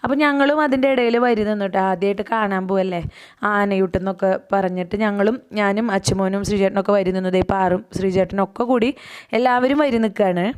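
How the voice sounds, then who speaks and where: A woman's voice: medium pitch, quick pace, darkish tone, clear, resonant tone. A woman, chatting through a casual voice-over of a family outing with frequent asides to the viewer. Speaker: vlogger.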